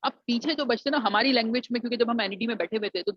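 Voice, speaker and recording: A Pakistani man with a very high, racing voice advises students on engineering admissions in an explanatory lesson, slipping English phrases into his Urdu and calling them "beta." The recording is dull, dry and lo-fi, with no room sound.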